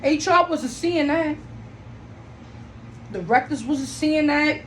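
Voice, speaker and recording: A young woman from Trinidad hosting a solo podcast, telling her story in a blunt, animated way and swearing freely. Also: sits high, slow pace. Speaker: podcast host. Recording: echoey room, faint background noise.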